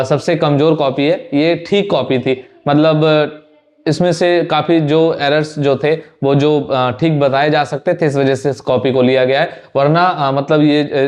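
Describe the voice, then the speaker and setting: A young man with a slightly higher voice runs through a student's exam answers. He speaks Hindi in a loose, conversational way and often repeats a word. English phrases keep turning up in his speech. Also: a little mellow. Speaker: exam prep teacher. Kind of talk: Hindi lesson reviewing an answer sheet.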